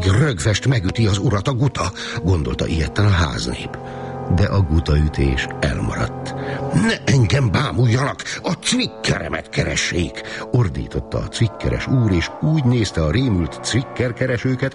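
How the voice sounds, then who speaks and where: A male storyteller reading a children's bedtime story with a playful, rhythmic delivery. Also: sits low. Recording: music playing underneath.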